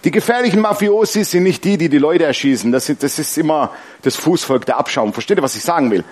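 A man preaches a lively sermon. He tells stories with laughter and keeps drawing the congregation in with questions. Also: on the high side, fast. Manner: lively storytelling with laughs and congregation call-and-response. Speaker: pastor.

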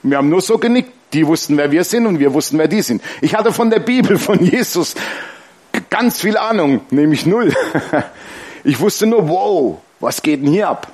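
A man preaches a lively sermon. He tells stories with laughter and keeps drawing the congregation in with questions. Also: on the high side, normal speed, husky. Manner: lively storytelling with laughs and congregation call-and-response. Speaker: pastor.

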